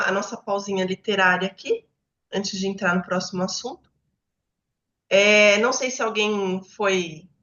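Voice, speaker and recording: A woman's voice: medium pitch, fairly bright tone, roomy sound, muffled recording. A woman with a Brazilian Portuguese accent hosting a book club, explaining ideas in a conversational teaching style and often checking in with her listeners. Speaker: book club host and educator.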